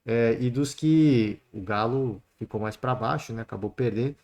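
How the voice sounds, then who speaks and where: A man's voice: medium pitch, moderate pace, a little mellow. Chatty Brazilian man talking football. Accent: Brazilian Portuguese. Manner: chatty, peppers talk with "né" and "cara". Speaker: sports podcast host. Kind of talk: solo football commentary.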